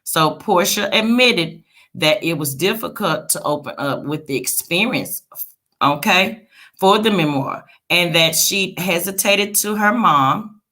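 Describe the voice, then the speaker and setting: Low-voiced woman hosting a gossip livestream. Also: animated, unhurried, bright, forceful tone. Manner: chatty, addresses viewers as "y'all" and "you guys" with frequent "okay?" tags. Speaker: host of a celebrity gossip livestream. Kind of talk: casual livestream commentary on celebrity news.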